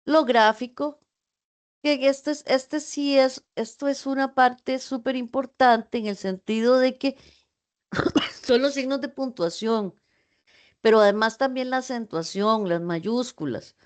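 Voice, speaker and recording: Spanish-speaking woman teaching online, animated. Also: high-pitched, takes it slowly. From Costa Rica. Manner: explanatory, asks students rhetorical questions. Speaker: university tutor. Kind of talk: online class lecture. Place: video call. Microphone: video call.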